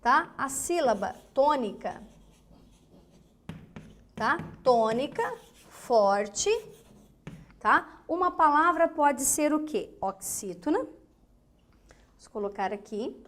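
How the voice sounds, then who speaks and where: Woman, grammar teacher, high voice, unhurried, patient and repetitive. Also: expressive, fairly bright tone. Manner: patient, repeats key words slowly, asks and answers own questions. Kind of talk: grammar lesson.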